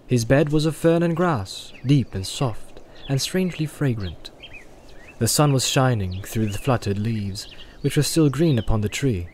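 A man narrating an audiobook in an expressive storytelling manner. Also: mid-range voice, a little hiss or hum. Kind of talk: scripted narration.

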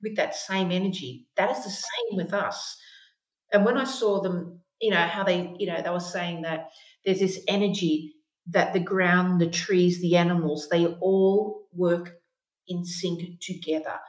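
An Australian woman with a slightly low voice speaks as a guest in a podcast conversation. She talks in measured, short, repeated phrases, and the room adds noticeable echo. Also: steady tone. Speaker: guest, First Nations speaker. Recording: roomy, echoey room sound.

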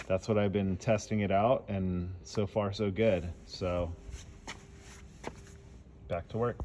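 A man doing dent repair outdoors, explaining his work in a relaxed, casual way as he films on a phone. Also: sits low, slow pace, a little hiss or hum. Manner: relaxed, explanatory, talks between tasks. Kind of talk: casual how-to narration while working. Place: outdoors in a parking lot beside a car.

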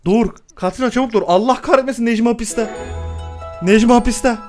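A young man giving excitable live commentary on a game, swearing often and laughing a lot. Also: extremely high pitch, quick pace, faint music behind. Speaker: gameplay streamer.

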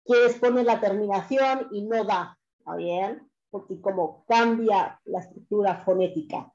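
A woman teaching a language class over a video call, patient and explanatory, pausing often to check that everyone follows. Her voice is mellow and low-key. The audio is dull and lo-fi, like a compressed online class. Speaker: French teacher.

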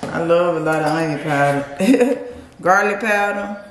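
A woman's voice: on the low side, animated, measured pace. A young woman chatting casually to her viewers as she seasons steaks in her home kitchen, laughing often and calling them y'all. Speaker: vlogger cooking with her boyfriend. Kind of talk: casual cooking vlog chat. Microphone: camera mic across the kitchen. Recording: echoey kitchen with loud background noise.

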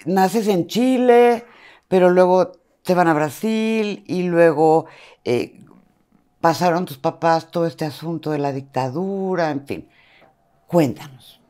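A woman's voice: on the low side, takes it slowly, dark tone. A woman hosting an interview, asking her guest questions in an affectionate, casual manner. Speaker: interview host.

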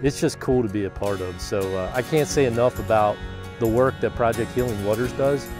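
A man in his forties speaking earnestly in an outdoor interview, halting and repeating words as he goes. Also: medium pitch. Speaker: volunteer fishing guide. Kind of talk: interview to camera. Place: outdoors by a building. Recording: voice with loud music underneath.

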